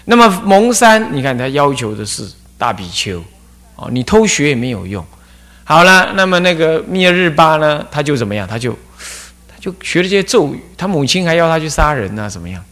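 A man giving a Buddhist dharma talk as abbot, telling stories with lively rhetorical questions. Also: fairly high pitch, brisk. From Taiwan. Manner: animated storytelling with rhetorical questions.

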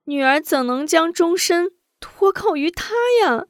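A woman voicing a proud, sharp-tongued young lady who speaks quickly and indignantly. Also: extremely high pitch, no echo, studio quality, pitched above the performer's own voice.

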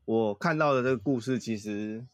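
A man, co-hosting a podcast and telling a story in a relaxed, teasing way. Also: on the low side, normal speed, no room sound. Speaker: podcast co-host. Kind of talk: casual storytelling chat.

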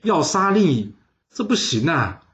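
A man's voice: mid-range voice, brisk, lightly acted. A man doing an unbending loyal warrior. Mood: protesting. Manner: earnest protest, then calm and resigned.

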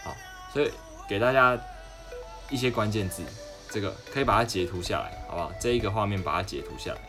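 A man's voice: fairly low pitch, fast talker. Chatty young Taiwanese man. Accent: Taiwanese Mandarin. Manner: chatty storyteller, mimics others in raised voice. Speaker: livestream host. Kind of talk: casual chat. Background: background music.

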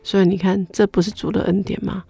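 A woman's voice: mid-range voice, quick pace, creaky, slightly rough, no room sound. A middle-aged woman with a Taiwanese Mandarin accent, giving her personal faith testimony as an interview guest, telling it with lots of exclamations. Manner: animated storytelling with many exclamations.

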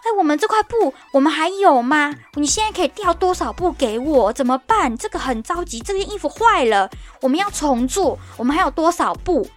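A woman mimicking a shrill, panicky female coworker. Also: animated, a little fast, few pauses, soft background music. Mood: panicked. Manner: shrill, alarmed, nagging repetition.

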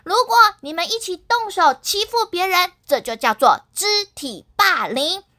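A woman's voice: extremely high pitch, lively intonation, unhurried, pushed and bright, voice pushed up, heavily acted. A woman voicing a firm, caring girl class monitor who lectures classmates in a children's story. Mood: scolding. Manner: scolding, lecturing.

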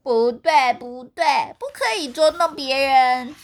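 A woman's voice: high-pitched, slow pace, voice pushed up. A woman voicing scolding little rabbits in a storybook, telling someone off. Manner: scolding, reproachful.

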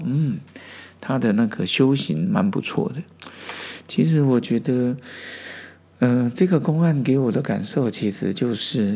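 A man hosting a podcast, calmly explaining old Zen stories and briefly acting out the quoted exchanges. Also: medium pitch, breathy edge. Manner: unhurried, acts out quoted exchanges in small voices. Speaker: podcast host.

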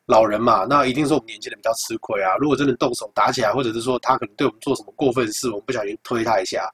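A young man with a Taiwanese Mandarin accent, hosting a podcast and telling a story in a casual, animated, profane way, acting out the dialogue. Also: mid-range voice, very fast. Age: young adult. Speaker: podcast host.

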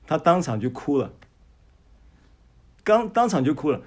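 A man's voice: a little high, unhurried. A man preaching as a pastor. He shares a personal testimony, addresses the listeners directly, and often stumbles and restarts his words. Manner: animated storytelling, frequent stammered restarts.

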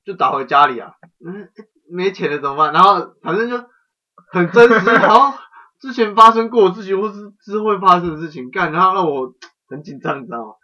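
Husky man talking from off the mic. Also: sits high, expressive, brisk, sharp tone. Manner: laid-back, chuckling, swears casually. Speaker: podcast co-host. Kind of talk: casual chat. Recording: distant, dull lo-fi mic.

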